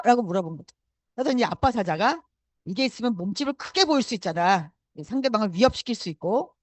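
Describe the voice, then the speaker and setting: A woman's voice: on the high side, no room sound. A woman giving a motivational talk, urging the audience with rhetorical questions and repeated affirming fillers. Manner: emphatic and urging. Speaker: motivational speaker.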